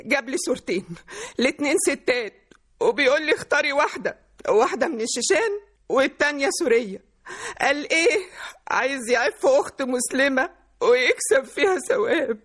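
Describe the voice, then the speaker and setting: Crying Egyptian mother in a radio play, high voice, wildly swinging pitch, wailing. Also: animated, a little fast, a bit bright. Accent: Egyptian Arabic. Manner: sobbing, wailing complaints. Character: distraught middle-aged mother, sobbing over her husband. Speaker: distraught mother. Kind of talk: radio drama acting.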